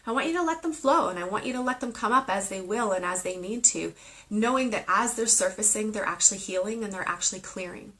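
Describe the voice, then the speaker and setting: Bright-voiced woman leading a heartfelt meditation talk. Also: medium pitch, low-quality recording. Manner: earnest, emotional, heartfelt. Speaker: meditation teacher. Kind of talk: live-streamed spiritual talk and guided meditation. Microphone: phone or webcam on a live video stream.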